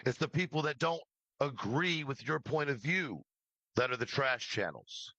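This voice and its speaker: This true crime livestreamer, a man, takes his time as he rails at someone who isn't there, swearing freely and repeating phrases emphatically in a scolding tone. His medium-pitched voice is expressive, pushed and bright, captured in a dry recording.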